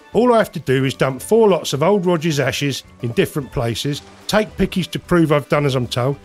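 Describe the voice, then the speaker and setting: Actor as a cheeky Cockney chancer, lively swooping voice. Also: male voice, a little high, husky. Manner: slangy, wheeling and dealing patter. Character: cheeky, scheming wide-boy chancer with gift of the gab. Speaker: narrator and lead character. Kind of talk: first-person audio drama narration and dialogue.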